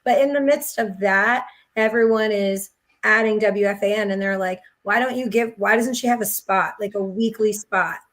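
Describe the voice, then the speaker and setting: A woman's voice: medium pitch, normal speed. A woman sports reporter co-hosting a casual talk show, telling stories in an assertive way.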